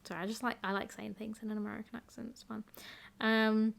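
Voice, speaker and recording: A woman's voice: fairly high pitch, little pitch movement, quick pace, gravelly. A young woman co-hosting a podcast, easygoing and a little apologetic in casual chat. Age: young adult. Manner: apologetic, easygoing, reads listener email aloud. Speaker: podcast co-host.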